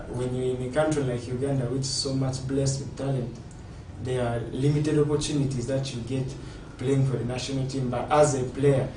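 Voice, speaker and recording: A man from South Sudan, a footballer, answering interview questions in an earnest, steady way. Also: medium pitch. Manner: earnest, steady, explaining at length. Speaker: footballer guest. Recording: echoey room, distant mic, ambient noise.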